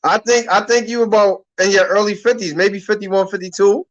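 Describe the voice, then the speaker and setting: High-voiced talk-radio host in his thirties. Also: fairly even intonation, moderate pace, lo-fi sound. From Harlem, New York. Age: 30s. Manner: loose, slangy and conversational, often restarting his sentences. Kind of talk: casual radio talk-show chat.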